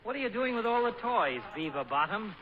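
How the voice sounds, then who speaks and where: A man's voice: high voice, big pitch swings, a little fast. A man playing a droll, needling but genial family doctor in a 1940s radio comedy, with a dry, mock-courtly manner. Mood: teasing. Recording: muffled, noisy old radio recording.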